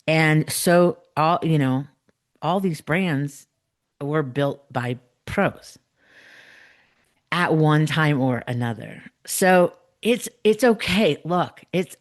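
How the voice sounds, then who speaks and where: A woman hosting a solo podcast, talking earnestly and emphatically to listeners, repeating phrases, with the slight lisp of someone wearing a dental retainer. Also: sits low. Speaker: podcast host.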